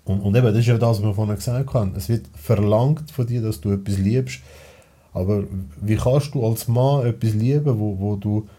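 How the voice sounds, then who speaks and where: A man's voice: fairly low pitch, normal speed, dark tone. A man with a Swiss German accent talking as a podcast guest, rambling and blunt, with many restarts and fillers. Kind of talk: casual personal conversation.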